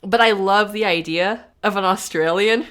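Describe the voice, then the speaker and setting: A woman hosts a casual podcast chat, rambling from one thought to the next. She laughs easily and talks about herself with a self-deprecating edge. Her voice sits at a middle pitch. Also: normal speed, a bit bright, clean tone. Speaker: podcast host.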